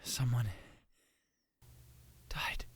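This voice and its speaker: In a dry recording, a man draws out his words in a husky voice. He narrates and leads a fan dub of a visual novel as a young male student shaken by a murder, with a tense first-person inner monologue that keeps slipping into a whisper.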